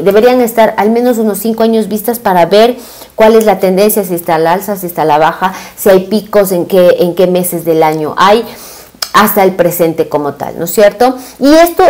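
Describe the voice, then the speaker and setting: A woman's voice: mid-range voice, darkish tone. A woman in her thirties presents a business webinar over a video call. She explains step by step, dropping fillers and tag questions as she goes, and moves her hands while she talks. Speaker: business and marketing consultant. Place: indoor room, small webcam inset.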